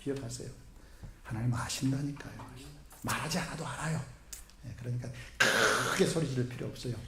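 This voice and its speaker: A man's voice: mid-range voice, a little fast. A man as a pastor giving a sermon in a church and asking his congregation questions as he goes. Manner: animated, asks the congregation questions. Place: church sanctuary. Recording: echoey church hall with faint noise.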